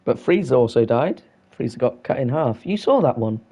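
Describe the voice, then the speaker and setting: A man's voice: mid-range voice, sing-song, brisk, mellow, breathy edge. A young man casually chatting and swearing freely while live-streaming a video game.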